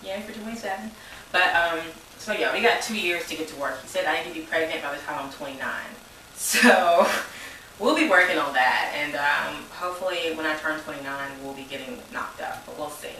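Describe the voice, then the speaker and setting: A woman's voice: low-pitched, moderate pace, sharp tone, recorded from a distance, a little hiss or hum. A woman, rambling in a casual personal vlog. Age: 20s. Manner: rambling, informal, says y'all. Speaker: vlogger. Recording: echoey room, voice a bit off mic.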